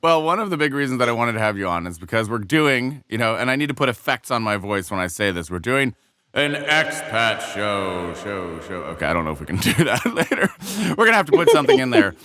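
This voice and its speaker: Male podcast host, thirties, joking and animated, smooth clear voice, dry close sound. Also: medium pitch, quick pace, dry recording. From United States. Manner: jokey, playful, animated. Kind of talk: casual interview chat.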